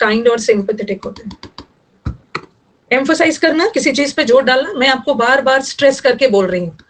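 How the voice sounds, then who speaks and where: A woman's voice: sits high, low-quality recording. A young woman teaching English vocabulary in Hindi, explaining word meanings and teasing her students a little. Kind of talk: online vocabulary lesson.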